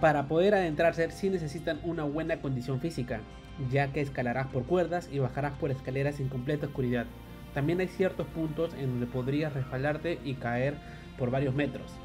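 Male voice-over reader, slightly high voice, even scripted delivery, loud music under him. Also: fairly quick.

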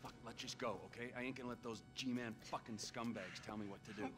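A man's voice: medium pitch, fairly even intonation, fast, music in the background, natural voice. A man playing a volatile, defiant criminal in a game, brusque and profane. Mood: impatient. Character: volatile, foul-mouthed male criminal, gruff and defiant.

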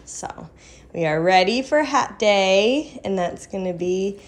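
Speaking slowly in an animated, mid-range voice, a young American woman chats for her mom vlog. She records on a phone at arm's length indoors at home, in the living room and kitchen, where household background noise is clearly heard.

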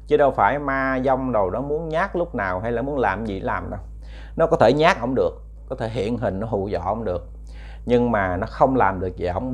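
A man's voice: medium pitch, a little mellow, husky. A man telling a ghost story in a chatty, casual way, addressing his listeners with many fillers and repeats.

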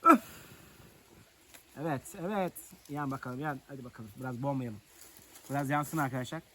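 A man's voice: medium pitch, normal speed, sharp tone, a little hiss or hum. A man vlogging outdoors in the countryside, chatting and joking with viewers while he lights a fire. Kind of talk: casual chat to camera. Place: outdoors in rural nature.

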